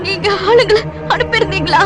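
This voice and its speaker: A woman's voice: extremely high pitch, fast. An actress playing an outspoken young village woman who pleads, grieves and accuses with emotion in a film drama. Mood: accusing. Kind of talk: Tamil film drama scene. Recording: film soundtrack with loud music.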